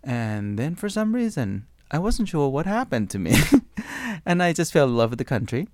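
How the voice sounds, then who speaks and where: As a guest in an interview, a man from Thailand tells his life story in English, his second language after Thai, restarting often and leaning on fillers. His slightly high voice has big pitch swings at normal speed, and the recording is dry.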